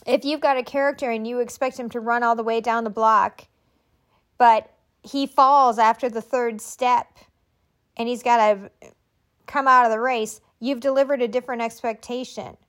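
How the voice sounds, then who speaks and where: Female writing coach, conversational and animated, somewhat higher pitch. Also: moderate pace. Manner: animated, conversational, many asides. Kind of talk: storytelling workshop talk.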